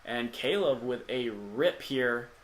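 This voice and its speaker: A man's voice: medium pitch, lively intonation, slow. A man giving casual, upbeat play-by-play commentary on a disc golf round, recorded outdoors on the course. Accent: Michigan. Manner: chatty, upbeat play-by-play with fillers.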